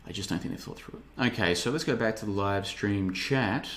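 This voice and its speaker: A man's voice: on the low side, a little fast. Rambling sarcastic man in his thirties. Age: 30s. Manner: rambling, sarcastic, mimics people in mocking voices. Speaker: podcast host. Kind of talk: casual livestream monologue.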